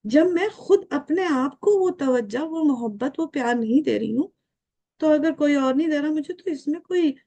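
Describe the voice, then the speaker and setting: A woman's voice: high voice, mellow, breathy edge. A woman of nearly sixty, a guest speaker giving an earnest, reflective talk, putting questions straight to the viewers and dropping English phrases into her speech. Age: 50s.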